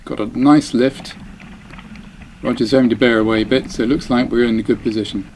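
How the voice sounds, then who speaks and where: In poor audio with some hiss or hum, a man comments on footage of his dinghy race, his voice medium-pitched, fairly even, brisk, and somewhat dark. He keeps it casual and self-deprecating, regularly breaking off mid-sentence.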